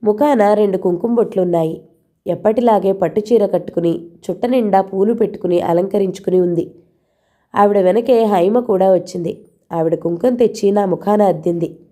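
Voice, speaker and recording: A woman reads a novel aloud in the first person, expressive and absorbed in the telling. Her voice is warm and mellow, with an ordinary middle pitch and a steady storytelling flow. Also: moderate pace. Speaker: audio novel narrator.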